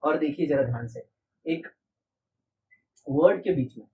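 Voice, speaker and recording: Man explaining chemistry slowly, keeps asking the class questions, mic far off with a bit of hiss. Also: a little high, warm tone. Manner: patient, repetitive, asks rhetorical questions. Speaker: chemistry teacher. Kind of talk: classroom lecture.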